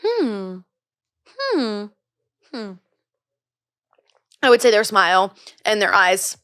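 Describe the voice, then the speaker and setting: Young woman guest chatting, gasps a lot, acts out quotes, mid pitch, dry close sound. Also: takes it slowly, dry recording. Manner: excitable, gasps and acts out quotes, many fillers. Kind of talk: casual chat.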